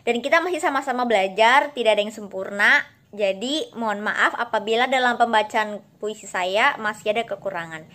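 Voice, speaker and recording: A woman's voice: fairly high pitch, brisk, a bit bright. A woman presenting a recorded lesson as a student teacher, explaining step by step and putting questions to the class.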